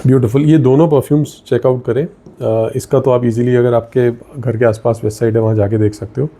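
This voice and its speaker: A man's voice: medium pitch, fairly even intonation, brisk, mellow. A young man with an Indian accent, casually reviewing perfumes and mixing Hindi with English as he thinks aloud while sniffing each one. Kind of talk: casual product review vlog.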